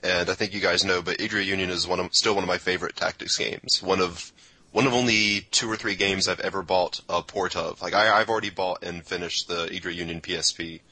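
Deep, fast-talking husky man. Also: fairly even intonation, sharp tone, dry recording, poor audio. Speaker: podcast co-host. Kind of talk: casual podcast chat.

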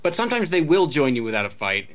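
A man's voice: fairly high pitch, big pitch swings, fast talker, fairly bright tone. A man speaking casually as a panelist discussing video games, with a wry, dry sense of humour. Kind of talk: casual chat.

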